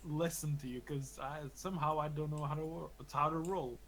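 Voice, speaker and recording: Bright-voiced man running a tabletop game. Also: fairly high pitch, moderate pace, a little hiss or hum, poor audio. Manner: laughs often, relaxed joking. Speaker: game master.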